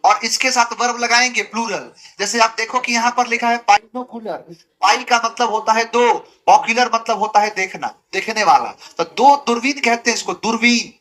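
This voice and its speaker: A man's voice: very high voice, normal speed, a bit bright. A man teaching a grammar lesson, asking rhetorical questions and answering them himself, with emphatic, repetitive corrections. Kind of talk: classroom lecture.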